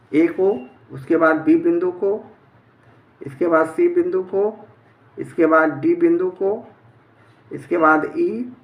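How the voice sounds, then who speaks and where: A man's voice: fairly high pitch, fairly bright tone. A man teaching a step-by-step math lesson, explaining methodically in a plain way. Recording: echoey room.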